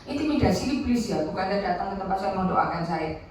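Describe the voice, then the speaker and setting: A woman's voice: medium pitch, lively intonation, quick pace, a little mellow, a little hiss or hum. A woman giving a candid personal testimony at a fellowship meeting, dropping into asides. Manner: candid, mixing in Javanese asides. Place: hotel function room. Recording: echoey room, distant mic.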